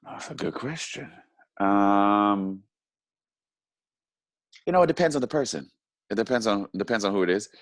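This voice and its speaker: A man, an actor, talking casually as an interview guest, halting and often repeating his words. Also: fairly low pitch, animated, no echo.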